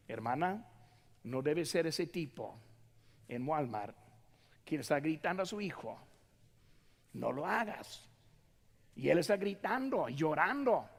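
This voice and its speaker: A man's voice: high-pitched, creaky, long reverb tail. A middle-aged man preaching a sermon as pastor, emphatic and often speaking straight to the congregation. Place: church sanctuary.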